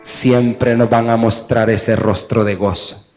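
A man from Guatemala preaching a Mother's Day sermon as pastor, impassioned, quoting mothers in a lively voice. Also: medium pitch, slow pace, big-room sound, soft background music. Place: church service.

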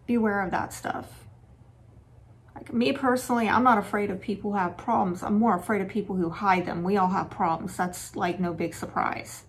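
A woman's voice: mid-range voice, fairly even intonation, brisk. A woman hosting a relationship advice talk, speaking frankly in a casual, lightly sarcastic way. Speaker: relationship and dating advice host.

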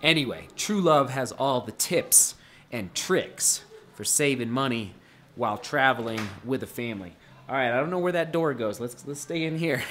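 A man's voice: medium pitch, expressive, normal speed, a bit bright. A man in his thirties vlogging casually to a handheld camera while walking through a hotel, upbeat and chatty. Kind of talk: casual vlog talk to camera. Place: hotel rooms and hallways, indoors. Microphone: handheld camera at arm's length.

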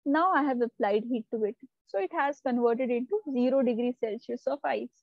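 A woman's voice: a little high, fairly quick, gravelly, no room sound, highs cut off. A woman teacher, giving a live online lesson and explaining step by step while checking that her students follow. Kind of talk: live online class lecture.

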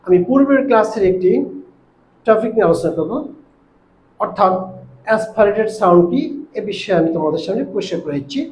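Bangladeshi male teacher with a high voice, explains slowly step by step; echoey room, faint hiss. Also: darkish tone. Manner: explains step by step with slow pauses; fillers while searching for words. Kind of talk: classroom lesson.

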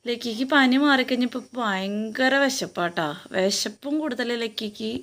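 A woman with a Malayali accent chats to her pet dogs in a high, bright voice. She coaxes and scolds them in singsong baby talk, and dogs can be heard now and then around her. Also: moderate pace. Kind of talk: casual chat to pets.

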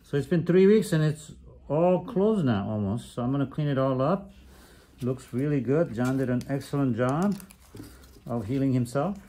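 A man's voice: mid-range voice, lively intonation, moderate pace, dark tone. A man, a foot doctor, chatting encouragingly with a patient while cleaning a wound in a clinic. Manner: chatty, encouraging, many uh-huhs. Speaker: podiatrist. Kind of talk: casual chat while treating a patient. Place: clinic room.

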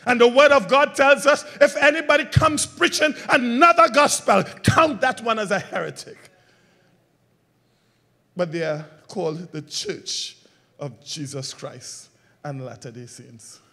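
A pastor preaches a sermon a little slowly, asking the congregation call-and-response questions. He swings between loud, emphatic lines and quiet, low ones.

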